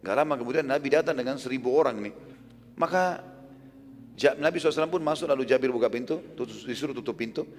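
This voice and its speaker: A man's voice: mid-range voice, very fast. A male preacher retelling a story in a sermon, casual and explanatory, who acts out the quoted lines. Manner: colloquial and explanatory, with casual fillers; acts out quoted speech with raised voice. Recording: long hall reverb.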